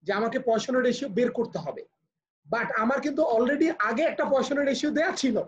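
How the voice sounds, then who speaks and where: Teaching a live online physics lesson, a man with a Bangladeshi accent talks a little fast in a very high-pitched voice. He's patient and goes step by step, switching to English for terms. The recording is muffled, lo-fi video call audio.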